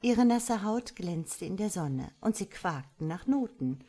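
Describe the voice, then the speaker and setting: A woman narrating a storybook in an expressive, unhurried way. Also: mid-range voice. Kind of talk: storybook reading.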